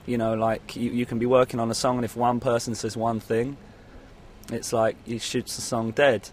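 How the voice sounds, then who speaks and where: Speaking at a moderate pace in a flat, medium-pitched voice, this man is a musician giving a laid-back interview. His answers ramble and hesitate, studded with "you know," and a faint hiss or hum sits in the recording.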